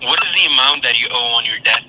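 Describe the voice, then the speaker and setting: Male call-centre surveyor, scripted questioning, clearly noisy telephone line. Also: mid-range voice, quick pace. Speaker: debt survey telemarketer.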